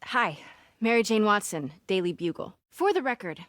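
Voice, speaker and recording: An actress voices a determined, caring young newspaper reporter with an American accent in naturalistic, conversational video game dialogue full of wry asides. Her medium-pitched, slightly bright voice swings widely in pitch at a normal speed, sounding brisk and professional. The studio recording is clean, with no echo.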